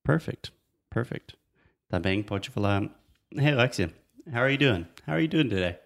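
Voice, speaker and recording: A man's voice: medium pitch, expressive, measured pace, vocal fry. A man whose first language is English, co-hosting an English lesson and modeling phrases patiently, often repeating "perfect". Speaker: English teacher, co-host. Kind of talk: bilingual lesson chat.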